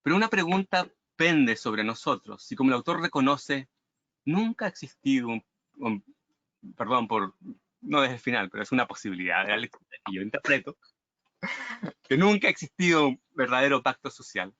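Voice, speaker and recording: A man's voice: medium pitch, big pitch swings, normal speed, pushed and bright, no echo, lo-fi sound. A man reading prepared commentary on a book in a formal, literary way, asking rhetorical questions.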